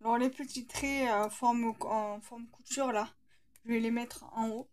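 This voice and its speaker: A woman's voice: a little high, steady tone, a little slow, darkish tone. A woman with a slight lisp, hesitantly thinking aloud as she narrates a casual craft tutorial.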